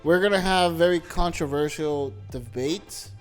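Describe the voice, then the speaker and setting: A man's voice: fairly high pitch, measured pace, soft background music. A young man hosting a casual podcast, joking and teasing his co-host as he talks. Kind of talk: casual chat.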